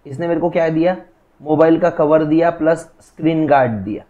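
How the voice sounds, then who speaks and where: A man's voice: on the high side, fairly quick, phone-quality sound. A young man teaching law in a casual classroom lecture, explaining through chatty, jokey stories.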